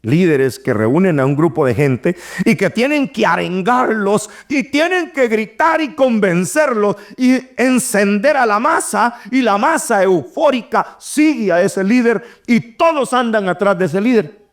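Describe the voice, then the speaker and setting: Animated male preacher with lively pitch. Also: unhurried. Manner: animated, acts out quoted voices. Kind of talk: sermon.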